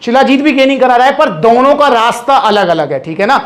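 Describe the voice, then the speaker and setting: A man's voice: very high-pitched, animated, fairly quick, fairly bright tone. A man with a Haryanvi Hindi accent, talking casually as a supplement shop host and calling his viewers brother. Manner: chatty, addresses viewers as brother. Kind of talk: casual explainer.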